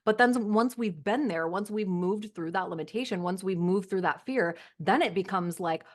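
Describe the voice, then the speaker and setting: A woman's voice: medium pitch, moderate pace. A young woman hosting a podcast, asking long, rambling questions full of "like" in casual chat. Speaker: podcast host.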